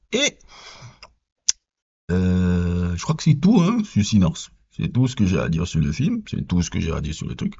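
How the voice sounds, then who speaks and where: Man, cameroonian french accent, very low voice, husky, casual rambling film review. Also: a little mellow, dull audio. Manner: rambling, repeats words, frequent fillers. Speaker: film vlogger.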